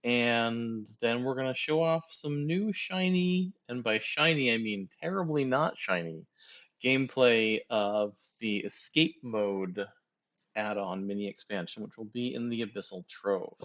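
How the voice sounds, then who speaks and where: A man's voice: mid-range voice, a little slow, a bit bright. Male stream host, easygoing and jokey, explains rules plainly; slightly muffled, lo-fi stream audio. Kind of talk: casual game stream chat.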